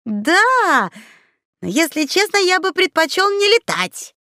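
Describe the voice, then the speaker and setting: A woman's voice: very high voice, sing-song, slow, sharp tone, dry recording, studio quality, voice pushed up, full character voice. A woman voicing a timid male vegetable creature in a storybook reading, speaking shyly and apologetically. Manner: shy, apologetic.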